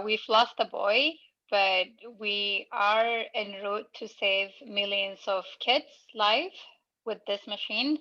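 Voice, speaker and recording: A woman from Ethiopia, a Rotary member, earnestly explaining a project on an online club call with pauses. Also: medium pitch, creaky, a bit bright, dull audio. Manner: earnest, unpolished phrasing with pauses. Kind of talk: online club meeting talk.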